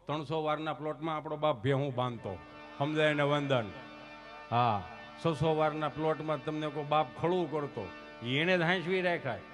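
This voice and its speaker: High-voiced storyteller. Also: male voice, moderate pace, faint music behind. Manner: lively, animated, teasing. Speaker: folk storyteller. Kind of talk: live comic dayro storytelling. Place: live stage show.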